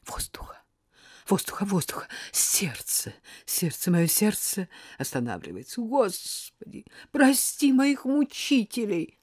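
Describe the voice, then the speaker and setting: A woman reading the part of a theatrical old lady who plays her suffering to the hilt. Her lines come out in gasping, breathy whispers, slow and drawn out, then turn languid and commanding. An audiobook voice in a dry, close sound. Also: on the low side, very animated, a little mellow, no echo, heavily acted. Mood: gasping melodrama. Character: theatrical old woman faking a heart attack.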